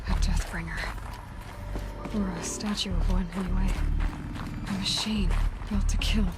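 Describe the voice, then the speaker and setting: Actress as Aloy, curious young huntress over music. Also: female voice, mid-range voice, steady tone, a little slow, natural voice. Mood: bewildered. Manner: muttering to herself, wry. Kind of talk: video game acting.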